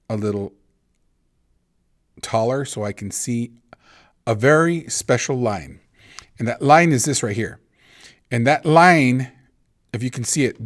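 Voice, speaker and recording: A man teaching video editing in a casual, rambling way, thinking aloud and often restarting his sentences. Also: medium pitch. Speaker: instructor. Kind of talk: screen-recorded video editing tutorial.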